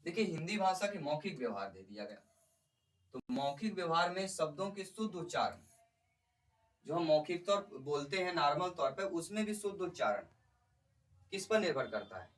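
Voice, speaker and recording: A male teacher with a fairly high-pitched voice runs an exam-prep lesson, asking his students questions as he goes. He sits somewhat back from the microphone, so the voice sounds slightly distant. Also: sing-song, moderate pace. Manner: explains step by step, often asks the class questions. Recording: voice somewhat far from the mic.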